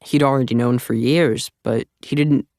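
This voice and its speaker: A man's voice: mid-range voice, steady tone, normal speed, a little mellow, no room sound, studio quality, natural voice. A man voicing a chatty older man with a slight accent, talking in a rambling, earnest way in an audiobook. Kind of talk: audiobook character voice.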